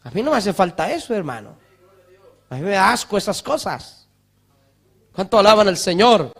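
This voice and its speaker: A high-voiced male pastor delivers a fervent sermon in church. He rises to shouts on scripture and mocks wailing sinners.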